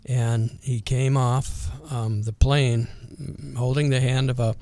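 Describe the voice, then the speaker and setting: An older man with a natural Vermont accent and rural twang, reminiscing casually and hesitantly in a folksy, unhurried way as an interview guest. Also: mid-range voice, little pitch movement, dark tone, no echo.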